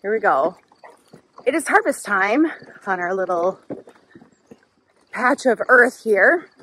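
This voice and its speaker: A woman's voice: mid-range voice, fairly bright tone, slight background noise, rough recording. A Midwestern woman in her thirties, chatting casually and upbeat to a handheld camera while walking through her outdoor garden. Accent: Midwestern American. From Wisconsin. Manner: chatty, upbeat, self-deprecating. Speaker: vlogger, mom.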